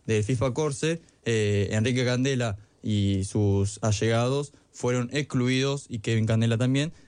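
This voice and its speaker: A man with a smooth, clear voice gives a sports news update in a dry studio sound. He speaks haltingly, searching for his words. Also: medium pitch, darkish tone, no room sound.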